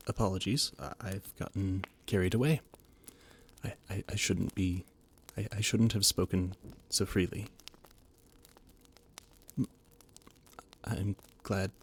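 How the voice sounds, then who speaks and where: A low-pitched man voices a royal adviser in an audio roleplay, delivering a scripted monologue full of flustered formality and frequent stammering. A faint hiss or hum can be heard.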